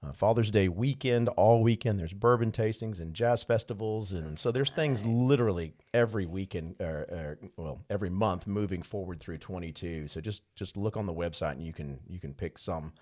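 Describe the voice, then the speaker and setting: A man is a guest on a podcast, talking eagerly and pausing with many fillers. His voice is very deep. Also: darkish tone. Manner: enthusiastic, halting with fillers. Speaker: guest, farm owner. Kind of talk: casual interview.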